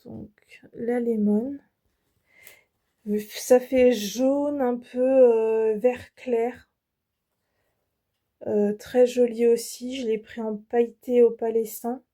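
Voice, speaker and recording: A woman's voice: fairly high pitch, steady tone, slow pace, mellow. A French woman hosting her embroidery channel, showing off fabrics in a casual, hesitant way with many fillers and restarts. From France. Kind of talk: casual product show-and-tell.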